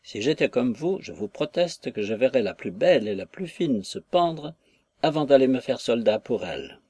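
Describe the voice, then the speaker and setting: A man's voice: medium pitch, sing-song, moderate pace, a little mellow, slightly rough, dry recording. A man voicing a chatty, gossiping female innkeeper who rattles on with exclamations, in an audiobook reading of a classic novel. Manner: garrulous, wheedling, full of exclamations.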